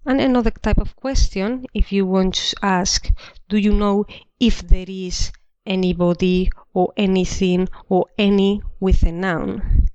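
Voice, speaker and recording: A woman teaching a language lesson, explaining slowly and repeating each example sentence twice. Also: medium pitch, fairly even intonation, darkish tone, clear, resonant tone, no room sound. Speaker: Spanish teacher. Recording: dull dry lo-fi recording.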